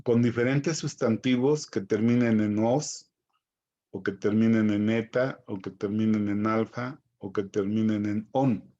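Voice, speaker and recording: A man teaching a recorded Greek vocabulary lesson, spelling out each pronunciation slowly and carefully. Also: on the low side, steady tone, mellow, highs cut off.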